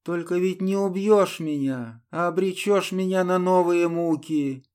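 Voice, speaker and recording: A fierce, defiant young woman, as a male reader puts her on in an audiobook. The voice is pitched well above his own and pushed loud and strained, desperate and unyielding. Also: unhurried, clear, resonant tone. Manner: raised, strained, defiant outbursts. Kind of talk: audiobook character voice.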